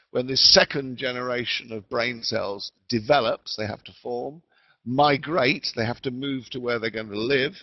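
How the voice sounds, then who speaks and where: A man giving a measured educational talk over a patchy online call whose sound fades in and out. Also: medium pitch, no room sound. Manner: measured, deliberate explaining. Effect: patchy online call audio that fades in and out. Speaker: webinar speaker. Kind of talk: educational lecture. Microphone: remote call mic. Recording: dull lo-fi call line, dry.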